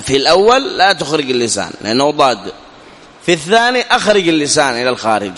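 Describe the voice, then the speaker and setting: A man teaching Quranic recitation rules, who asks and answers his own questions and slows right down to recite the example words. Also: fairly high pitch, big pitch swings, fairly bright tone, long reverb tail. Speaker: tajweed teacher. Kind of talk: recorded lesson explaining a poem.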